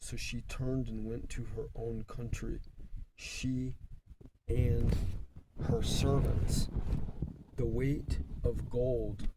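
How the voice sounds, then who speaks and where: A man reading scripture aloud in a stiff, halting way, in short broken phrases, on a noisy recording with clicks. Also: mid-range voice, level tone. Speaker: Bible reader.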